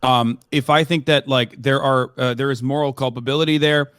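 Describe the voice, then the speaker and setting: A man's voice: mid-range voice, fairly even intonation, moderate pace, a bit bright, clear, resonant tone, no room sound, clean studio sound. A man who grew up in Turkey, a commentator debating on a live stream, hesitant with many fillers and restarts, swearing now and then.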